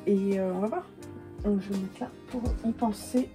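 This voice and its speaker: Over music, a woman's mid-range voice comes through with fairly even intonation and a moderate pace. She's a thirties knitting vlogger and yarn dyer with a cold, casually and self-mockingly talking to camera about her knitting from a small room at home, with plenty of hesitations.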